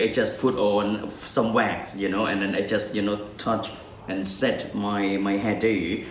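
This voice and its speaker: A middle-aged man gives a pronunciation lesson in a slow, low voice, spelling out words letter by letter and modelling careful example sentences. He is recorded from a distance in a roomy space with a faint background hum. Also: a bit bright. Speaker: English pronunciation teacher.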